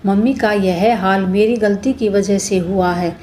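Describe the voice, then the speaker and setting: Woman narrator voicing a middle-aged family man, earnest, mid-pitched, lightly put on. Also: steady tone, unhurried, warm tone, slight background noise, natural voice. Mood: grieving. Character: grieving then loving husband, middle-aged man.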